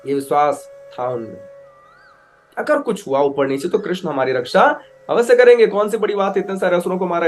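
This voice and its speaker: A man telling a devotional scripture story as a preacher, animated, acting out characters and mixing in English words. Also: a little high, slight background noise. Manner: animated storyteller, acts out voices with loud outbursts; mixes English words into Hindi.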